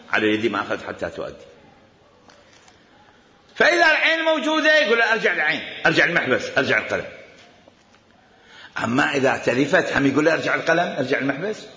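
A man with an Iraqi Arabic accent delivers a jurisprudence lecture on Islamic law, arguing his point by repeating quoted commands and firing off rhetorical questions. His sharp, fairly high voice is sing-song and quick, broken by long pauses. The sound is dull and lo-fi, with echo from a hall.

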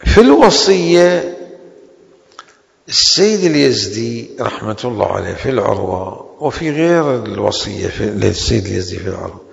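A religious law teacher lectures at a seminary in a lowish, gravelly, creaky voice, very animated. He stretches key terms out slowly, then rushes through quick side remarks. A long hall reverb trails each phrase, and the highs are cut off.

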